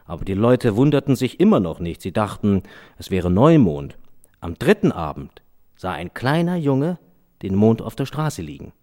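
Expressive man reading a children's story. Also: lowish voice. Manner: expressive, sing-song reading.

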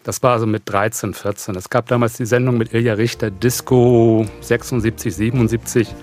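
A fifty-six-year-old journalist, telling wry anecdotes as a radio guest. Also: male voice, medium pitch, steady tone, brisk, darkish tone, soft background music. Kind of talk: conversational radio interview.

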